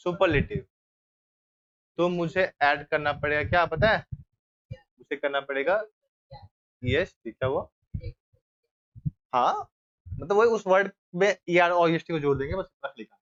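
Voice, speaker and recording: A young male teacher with a fairly high, slightly bright voice gives a grammar lesson in a classroom. He explains step by step and keeps checking in with his students. The recording is dull and lo-fi.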